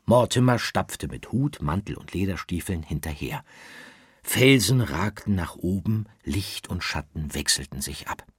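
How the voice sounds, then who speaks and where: Deep, husky man narrating a children's story. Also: no echo, studio quality. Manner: slow, expressive, with dramatic whispers.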